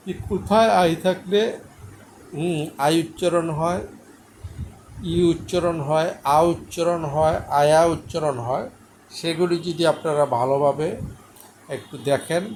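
With a slightly high voice and a darkish tone, a man patiently teaches English pronunciation, slowly spelling out letters and sounds and repeating each word. A faint hiss sits under the audio.

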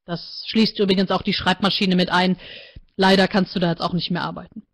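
A woman voicing a calm, coolly bureaucratic male AI life counselor in a book reading, speaking low and measured. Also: natural voice. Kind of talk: author reading aloud.

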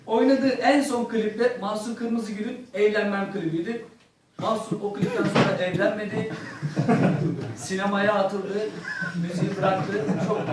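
A man's voice: sits high, a little hiss or hum. A young man doing stand-up, telling crude stories and acting out the voices of the people in them. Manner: acts out the voices in his stories, crude punchlines. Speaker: stand-up comedian. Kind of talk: stand-up storytelling. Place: comedy stage in front of an audience. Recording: echoey hall, heard from a distance.

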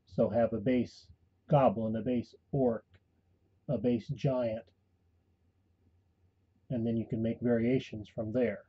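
A man calmly giving a step-by-step voice-over tutorial for a tabletop game tool. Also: mid-range voice, takes it slowly, pauses often, breathy edge, dull audio. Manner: calm step-by-step instruction. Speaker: tutorial host and game master. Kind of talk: screen-recorded software tutorial.

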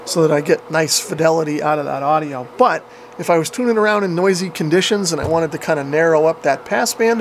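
Demonstrating equipment in an indoor workshop with radio gear, a man with a voice on the high side gives an informal, explanatory hands-on tutorial. A camera microphone at short distance records him, noisy with cooling fan hum in the background.

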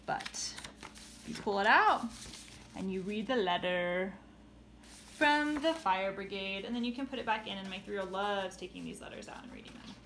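A woman's voice: mid-range voice, moderate pace, fairly bright tone, slight background noise. A young woman showing children's books in a casual way, chatty, and playfully reading lines aloud. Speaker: children's book seller. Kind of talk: casual book showcase. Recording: roomy echo.

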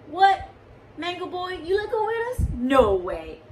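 A woman voicing boisterous teasing older brothers, young sumo wrestlers who speak in a loud, mocking way. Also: very high voice, wildly swooping pitch, measured pace, far from the mic, slight background noise, pitched above the performer's own voice, exaggerated voice.

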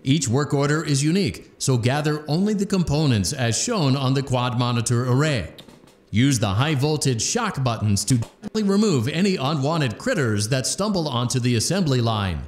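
A man voicing the calm, deadpan instructional announcer of an automated factory in a game. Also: medium pitch, normal speed, reverberant, natural voice. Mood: instructive. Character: corporate training voice of an automated factory.

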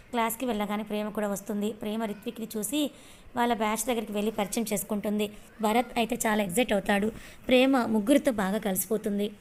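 A woman narrating a family love story in a steady, matter-of-fact way. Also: mid-range voice, a little hiss or hum.

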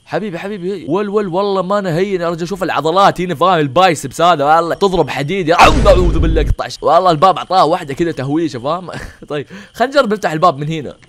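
Young male gaming host; very fast, slightly high, jokey and excitable. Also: slight background noise. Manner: joking, teasing, excitable. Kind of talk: let's-play commentary.

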